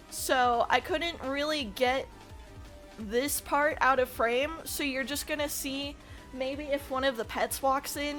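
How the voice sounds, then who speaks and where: A woman livestreamer chatting casually with her viewers in a playful, excitable gamer-girl manner. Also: on the high side. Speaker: livestreamer, host.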